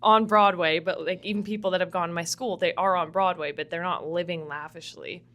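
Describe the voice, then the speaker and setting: This time her voice is fairly low and fairly bright, steady in tone and a little fast. The young Vancouver musical theatre student keeps the podcast interview casual, laughing a lot and saying "like" constantly.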